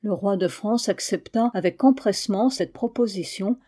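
A woman narrating a history audiobook with a steady, clear storytelling delivery. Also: mid-range voice, normal speed. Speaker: audiobook reader.

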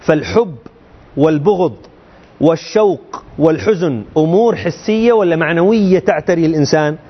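Man teaching a religious class, high voice, rhetorical questions, muffled lo-fi sound. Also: normal speed, breathy edge. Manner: asks rhetorical questions, colloquial and lively. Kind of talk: explaining a creed text to students.

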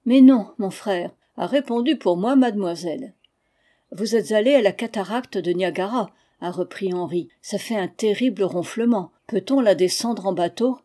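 A woman reading a literary memoir aloud in a measured, expressive audiobook narration. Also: mid-range voice. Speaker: audiobook reader.

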